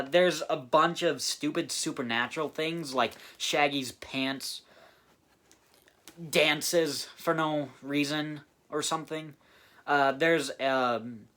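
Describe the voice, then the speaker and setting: Halting young-sounding guy reviewing a movie. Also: medium pitch, pushed and bright. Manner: halting, many fillers and restarts. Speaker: film reviewer.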